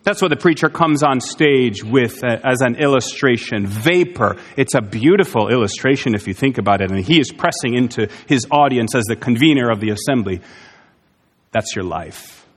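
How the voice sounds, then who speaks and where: A man delivers a sermon in an earnest, emphatic way, leaning on rhetorical questions. His voice sits at a middle pitch. The sound carries a long hall reverb from the church sanctuary. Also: animated, fairly quick, few pauses. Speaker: pastor.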